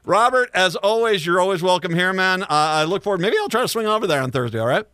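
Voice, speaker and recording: A man hosting a radio talk show, speaking in an animated, conversational and emphatic way. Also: sits high, quick pace, clear, resonant tone, dry recording, clean studio sound. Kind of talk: live radio talk and news commentary.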